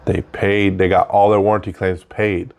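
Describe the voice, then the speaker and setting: A man's voice: deep voice, little pitch movement, normal speed, creaky. A man hosting a casual unscripted monologue, talking conversationally and repeating points for emphasis, with audible breaths between his phrases. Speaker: host of a show about technical trade work.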